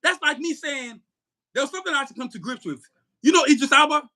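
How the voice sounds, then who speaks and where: In a heated political rant on his podcast, this co-host speaks in an extremely high-pitched voice and talks fast. He's angry and emphatic, swearing and at times shouting.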